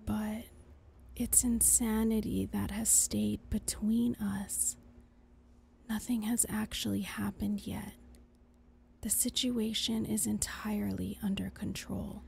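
Woman as a slow, creaky, ASMR role-play angel. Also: medium pitch, fairly even intonation, slight background noise. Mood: earnest. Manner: soft, breathy, earnest. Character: gentle, principled female angel, reassuring yet exasperated conscience.

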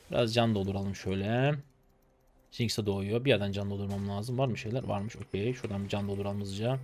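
A man in his twenties from Turkey, a streamer commentating his game live in an excitable, chatty way, talking to his viewers and teasing opponents. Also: lowish voice, no echo. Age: 20s. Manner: excitable, chatty, talks to chat, bursts of laughter and teasing.

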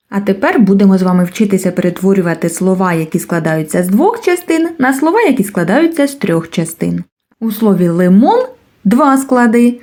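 A woman teaching a literacy lesson to preschool children, speaking slowly and drawing out each word clearly. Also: mid-range voice, darkish tone. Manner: slow, clearly enunciated, drawing out words. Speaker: kindergarten teacher.

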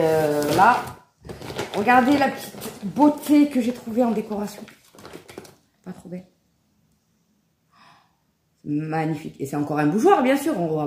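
A woman's voice: medium pitch, a little mellow. A woman, chatting enthusiastically to viewers as she shows off her shopping haul, with many fillers and little "hop"s. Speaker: home vlogger showing a shopping haul. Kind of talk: casual haul vlog to viewers. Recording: echoey room with faint background noise.

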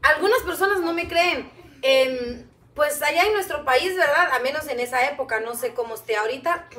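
High-voiced Guatemalan woman, chatty livestream host. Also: moderate pace. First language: Chuj. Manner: warm, chatty, calls viewers "mamita". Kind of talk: casual livestream chat reading viewer comments. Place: home kitchen, indoors. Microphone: camera a little way off. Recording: echoey kitchen, distant mic.

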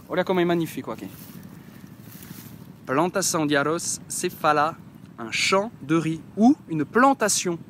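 A man giving short, playful pronunciation lessons, slowly drilling each sound. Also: fairly high pitch, a bit bright, slight background noise. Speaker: French teacher. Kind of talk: short scripted language lesson. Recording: music bed underneath.

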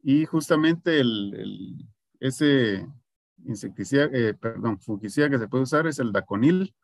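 A man's voice: mid-range voice, lively intonation, unhurried, vocal fry, no room sound. Man lecturing an online class, dry sound. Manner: explanatory, checks with "¿verdad?". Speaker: agronomy instructor.

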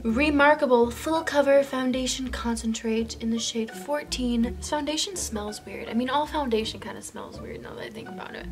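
High-pitched young woman, giggly drunk rambling. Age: 20s. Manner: blunt, playful, swears freely. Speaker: makeup vlogger. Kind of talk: casual chat to camera while applying makeup. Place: indoors, small room in front of a fabric backdrop.

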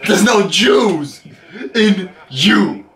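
A young man quizzing his friend in casual banter, animated and exasperated. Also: sits high, drawn-out words. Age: young adult. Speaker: quizmaster in a pronunciation challenge. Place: small bedroom. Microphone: camera a few feet away. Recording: echoey room, distant mic, noisy background.

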